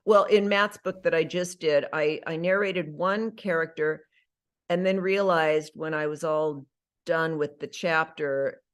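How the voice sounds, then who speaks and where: Her voice sits low and her pace is measured: a middle-aged woman, an actress and audiobook narrator, talking casually in an interview. She's animated, often filling pauses and correcting herself mid-sentence.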